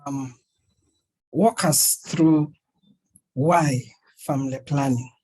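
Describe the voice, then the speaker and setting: A man's voice: medium pitch, extremely slow, a little mellow, low-quality recording. A man moderating an online panel discussion, hesitant and full of fillers as he introduces speakers.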